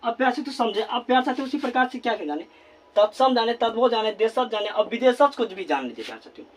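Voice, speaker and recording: A male teacher giving a classroom grammar lesson at a board, repeating words slowly as he writes and asking questions he then answers himself. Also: extremely high pitch, lively intonation. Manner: repeats words slowly while writing, constant filler phrase.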